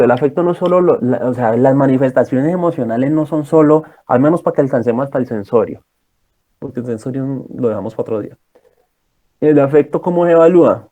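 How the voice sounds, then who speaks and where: A man's voice: medium pitch, darkish tone. A young man tutoring students in a casual lecture, rambling and checking in with his listeners.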